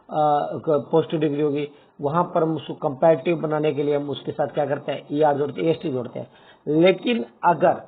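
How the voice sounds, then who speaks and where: A man's voice: fairly high pitch, gravelly, husky. A man teaching English grammar to students, asking and answering his own questions and calling them dear children. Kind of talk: Hindi-medium grammar lesson. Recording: tinny phone-like lo-fi sound.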